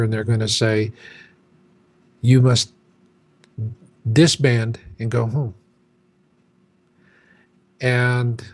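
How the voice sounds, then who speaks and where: A man's voice: mid-range voice, a little mellow. A man in his sixties, a guest in an interview, talking in an emphatic, casual way. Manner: emphatic, acts out chanting crowds in quotes.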